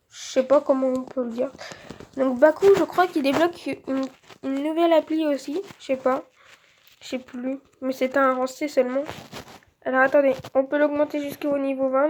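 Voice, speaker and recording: A woman's voice: high voice, a little mellow, slight background noise. A woman giving casual let's-play commentary, chatty and thinking aloud with lots of filler words.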